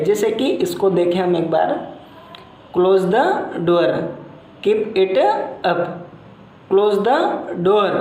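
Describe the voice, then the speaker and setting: Woman teacher explaining a lesson, repeats examples slow, echoey room. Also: medium pitch, a little mellow. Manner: explains slowly, repeats example sentences with drawn-out falling tone. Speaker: English teacher.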